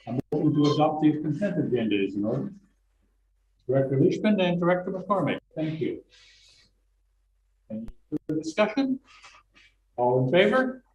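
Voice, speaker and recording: A man's voice: fairly high pitch, mellow, a little hiss or hum. Man, board chair, muffled fishbowl sound, echoey boardroom, dull audio. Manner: procedural, plainly worded. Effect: muffled, like speaking inside a fishbowl.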